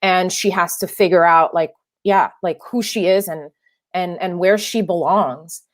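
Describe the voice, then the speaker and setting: The guest is a young adult filmmaker, a woman whose first language is French, with a fairly low voice and a somewhat slow delivery. She thinks through her interview answers, restarting often and leaning on fillers.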